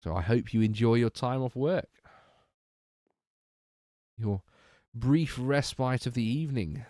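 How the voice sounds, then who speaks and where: A man's voice: mid-range voice, a little slow, warm tone, dry recording, studio quality. A sleepy young man chatting casually on a livestream, rambling and trailing off as he talks. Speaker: streamer.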